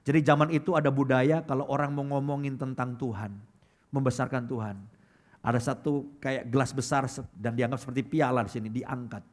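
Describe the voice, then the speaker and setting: A male pastor preaching a lively sermon, calling out loudly and dropping to quiet asides. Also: mid-range voice, brisk. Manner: lively preaching, swings between loud calls and quiet asides; acts out quoted churchgoers in put-on voices. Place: church hall.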